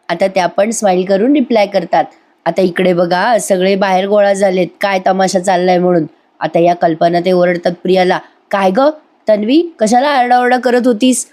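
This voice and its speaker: A woman's voice: mid-range voice, dark tone. A woman narrating a voice-over recap of a TV serial episode, chatty and talking straight to viewers. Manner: chatty storytelling, addresses viewers.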